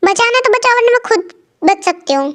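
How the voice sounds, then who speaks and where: A woman's voice: very high voice, lively intonation, fairly quick, a bit bright, voice pushed up. A woman voicing a feisty young female waiter who talks back sharply and defiantly.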